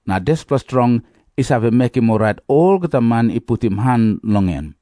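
A man's voice: mid-range voice, lively intonation, normal speed, warm tone, dry recording. A man with a Papua New Guinean accent narrates scripture as a scripted reading. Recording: music behind the voice. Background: background music.

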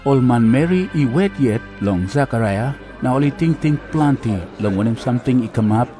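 A man's voice: mid-range voice, animated, moderate pace, mellow, soft background music. A man with a Papua New Guinean accent narrating scripture as a story in Papua New Guinean Pidgin.

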